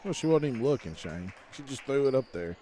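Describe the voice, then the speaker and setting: A man adding dry, low-key color commentary to a high school basketball broadcast. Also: big pitch swings, fast, noisy background. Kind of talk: casual game commentary.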